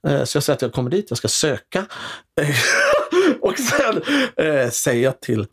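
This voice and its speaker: A man, an actor and comedian, telling theater anecdotes in a loose, animated way, often restarting with hesitations. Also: fairly high pitch, breathy edge. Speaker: stage actor and comedian guest. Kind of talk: casual anecdotal storytelling.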